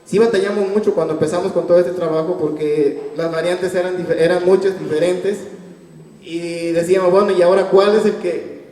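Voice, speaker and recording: A man's voice: high voice, dark tone, a little hiss or hum. A man recounting early struggles with the work, restarting his phrases. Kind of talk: interview recollection. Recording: distant, echoey, faint ambience.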